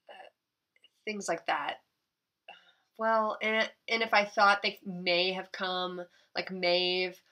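A woman's voice: fairly low pitch, sharp tone, dry recording. Congested, nasal-sounding woman reseller. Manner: chatty, rambling, self-correcting. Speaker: eBay reseller vlogger. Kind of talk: casual sales recap vlog.

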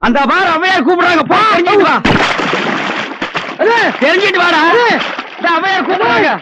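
A man's voice: extremely high pitch, a little fast, heavy background noise. An actor playing a sarcastic middle-aged man who scolds and mocks everyone, in a film. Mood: lecturing. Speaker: comic lead in a film. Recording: dull lo-fi film soundtrack.

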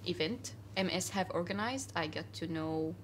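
A young Syrian woman, guesting in a casual interview indoors at a cafe, talks earnestly with many fillers and restarts. Her voice is on the low side at a moderate pace, with a little hiss or hum in the audio.

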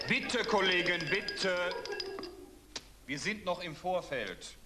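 A man's voice: sits high, animated, slow, over music. An actor playing a fussy, flustered chairman pleading with his colleagues in a satire. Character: flustered male conference chairman.

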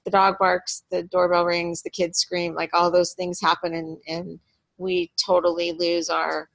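Woman hosting a video meeting, lowish voice, chatty, fillers. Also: level tone, unhurried, vocal fry, fairly bright tone. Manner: chatty, laughing, many fillers. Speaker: meeting host. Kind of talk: casual video call meeting. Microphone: video call.

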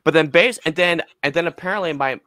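Speaking a little high and at a quick pace, this twenty-something man sounds pushed and bright on a dry recording. He's a podcast co-host, rambling through casual chat and stories with plenty of emphasis and swearing. The setting is a small home room, with a desk mic on a boom arm right up close.

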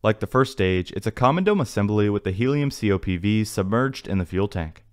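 A man narrating a technical script in an even, read-aloud manner. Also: lowish voice, a little fast. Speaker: narrator of a space news channel. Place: voice-over, not in the pictured places.

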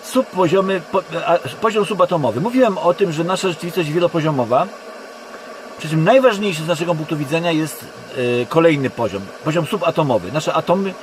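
A Polish man giving a rambling monologue to camera from inside a car, speaking haltingly and often correcting himself. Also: a little high. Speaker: online video creator. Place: inside a parked car in a forest. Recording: constant background noise in a car. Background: steady background hum.

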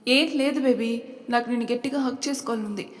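A woman's voice: a little high, fast talker, in a large hall, natural voice. A woman voicing a playful, affectionate young man who teases his girlfriend. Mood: teasing.

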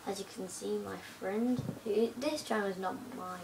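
Excitable rambling gamer with a noisy phone mic. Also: female voice, mid-range voice, moderate pace, vocal fry. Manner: excitable, rambling, sing-song chanting. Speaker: gaming channel host. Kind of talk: casual gameplay commentary. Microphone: phone recording a screen.

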